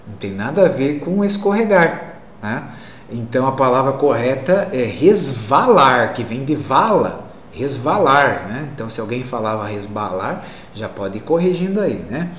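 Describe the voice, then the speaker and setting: A man's voice: mid-range voice, roomy sound, slight background noise. A male English teacher giving a classroom lecture, explaining step by step and often checking in with tag questions.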